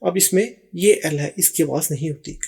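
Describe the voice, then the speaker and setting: Man, Pakistani accent, English teacher, slow deliberate explaining, dark husky voice. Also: a little high. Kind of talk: spoken English lesson.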